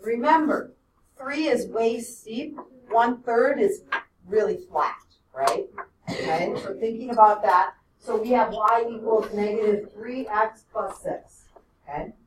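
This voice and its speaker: A woman's voice: on the high side, unhurried, background noise. A woman teaching a math lesson to a class, explaining step by step and checking in with "okay?" and "right?". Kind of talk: classroom lecture. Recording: echoey classroom from a distance.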